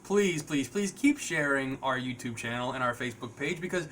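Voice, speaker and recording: A man hosting a casual, unscripted podcast, rambling and halting as he repeats words and addresses viewers. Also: medium pitch, animated, fairly bright tone, slight background noise. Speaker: podcast host.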